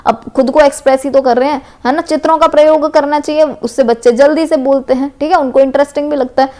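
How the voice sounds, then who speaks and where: Casting woman teacher, western UP Hindi accent, high voice, patient MCQ revision, tags lines with "है ना". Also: a little mellow. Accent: western Uttar Pradesh Hindi. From Uttar Pradesh, India. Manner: explanatory, repeats "है ना" and "correct है". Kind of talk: exam MCQ revision lesson.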